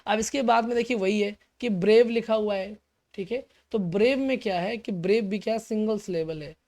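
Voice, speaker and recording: A man teaching an English grammar lesson for exam students. He explains step by step, asks questions and answers them himself, checks in with "okay" after each point, and slows down to spell out key English terms. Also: high-pitched, darkish tone.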